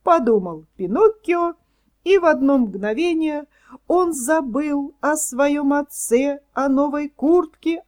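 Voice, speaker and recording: A woman reading a fairy tale aloud as narrator, calm and measured. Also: sits high. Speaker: audiobook narrator.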